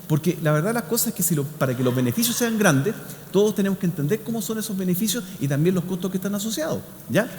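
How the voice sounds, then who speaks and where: A Chilean man with a fairly high voice gives a didactic public talk. He keeps checking in with short questions, his voice ringing in a big hall over faint noise. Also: animated, fast, a little mellow. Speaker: speaker, scientist. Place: large indoor hall before an audience.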